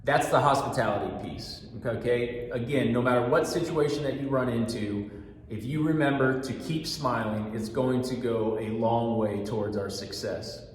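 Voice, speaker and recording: A middle-aged man, a restaurant manager, giving a staff orientation talk through a mask in a steady, fairly monotone, earnest way. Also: medium pitch, normal speed, slight background noise. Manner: talks through a mask, patient and repetitive. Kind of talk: training talk. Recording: very echoey room with long reverb.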